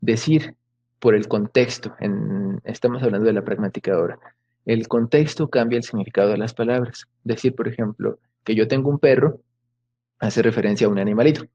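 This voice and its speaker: A man's voice: on the low side, fairly quick, warm tone, dull audio. A man giving an academic lecture over a video call, explaining patiently with many fillers and rhetorical questions. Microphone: video call microphone.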